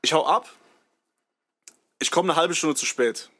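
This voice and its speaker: Young guy rambling thru a story, lots of slang, kinda high voice, casual podcast vibe. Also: unhurried, a bit bright. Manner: slangy, rambling anecdote telling. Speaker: podcast host.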